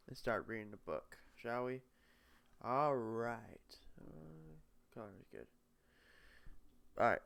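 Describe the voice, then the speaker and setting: Young man reading aloud, very smooth voice. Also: medium pitch, a bit bright, no room sound. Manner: stumbles over words and corrects himself mid-sentence. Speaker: reader. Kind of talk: casual read-aloud of a novel.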